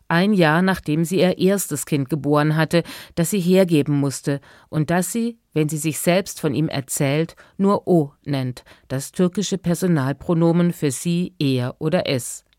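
A woman's voice: low-pitched, measured pace, hardly any pauses, a little mellow, no room sound, studio quality. Woman presenting a radio reading. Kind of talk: scripted radio announcement. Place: radio studio.

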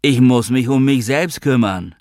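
A man's voice: on the low side, unhurried, no echo, studio quality, pitched above the performer's own voice, close to an everyday voice. Man voicing a falling-apart movie star, pleading. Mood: despairing plea. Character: desperate unraveling male film star.

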